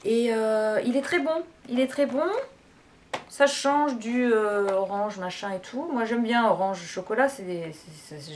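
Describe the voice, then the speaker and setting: Chatty French woman with faint hiss. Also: medium pitch. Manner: chatty, hesitant, many restarts and fillers. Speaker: tea vlogger. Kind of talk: casual product review chat.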